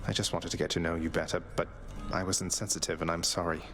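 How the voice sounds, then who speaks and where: Voicing a young, rebellious underworld prince in a video game, a man speaks with a deep, slightly bright voice, fast and flat, over soft background music. The character comes across as wry, earnest, polite and kind, with a dry, casual manner.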